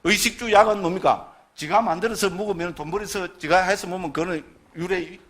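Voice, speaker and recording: A man lecturing on Buddhist scripture, first reciting a text slowly and then explaining it with constant tag and rhetorical questions. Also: high-pitched, a bit bright. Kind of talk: slow recited scripture reading, then lively classroom lecture.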